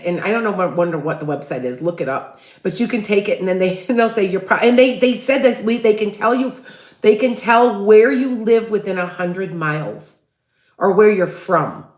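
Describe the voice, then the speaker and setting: A mid-range female voice comes through with roomy sound. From the Midwest and speaking with a Chicago accent, she hosts a casual psychic livestream, rambling in restart-heavy sentences and asking viewers for tips.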